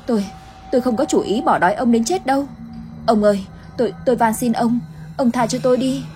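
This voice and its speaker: A woman's voice: medium pitch, lively intonation, moderate pace, faint music behind, lightly acted. A woman voicing a cruel, scheming older village woman who wails and gloats in a storybook tale. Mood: terrified begging. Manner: wailing then coldly gloating.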